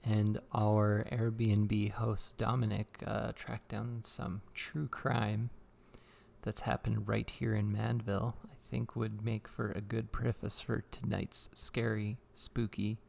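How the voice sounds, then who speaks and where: A man hosts a podcast in an easy, casual way. His voice has a noticeable fry and stays fairly level in pitch. He sounds like he is talking or reading to listeners from inside a church. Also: monotone, slow pace, darkish tone. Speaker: podcast co-host. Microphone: good podcast microphone.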